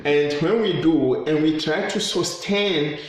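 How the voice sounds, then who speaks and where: In a heavily echoing room, a campaigner with a Ghanaian accent passionately urges listeners to fight corruption, hammering home repeated phrases. He speaks slowly, his pitch fairly high.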